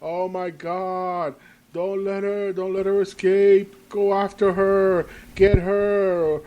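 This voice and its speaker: A man voicing a hysterical, panicking male partisan in a shrill, mocking way. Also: little pitch movement, slow pace. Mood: frantic. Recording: hissy lo-fi podcast audio.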